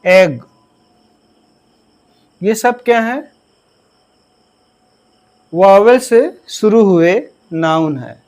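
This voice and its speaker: Slow, high-voiced male grammar teacher. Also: clean tone. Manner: asks the class questions and answers them himself; spells words out letter by letter. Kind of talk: classroom lesson explaining grammar rules.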